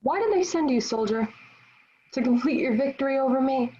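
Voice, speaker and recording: A woman's voice: sits high, lively intonation, brisk, warm tone, a little hiss or hum. A woman playing a devout, defiant young Joan of Arc in a dramatic table read, speaking in formal, declamatory period phrasing. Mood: defiant, scornful. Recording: dull lo-fi virtual-meeting audio.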